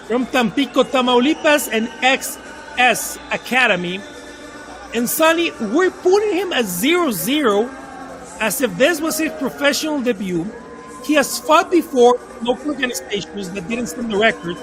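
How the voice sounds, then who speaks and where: A man calling a live MMA fight as play-by-play commentator, in an emphatic, excitable delivery. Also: high voice. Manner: emphatic, excitable, short clipped calls. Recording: live broadcast over music and crowd. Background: music and crowd.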